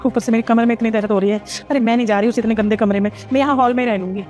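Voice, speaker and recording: A woman's voice: on the high side, fairly even intonation, rapid-fire, muffled recording, music in the background, natural voice. A woman playing a fussy, easily offended mother-in-law in a family drama, complaining and indignant. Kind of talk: Hindi family drama acting.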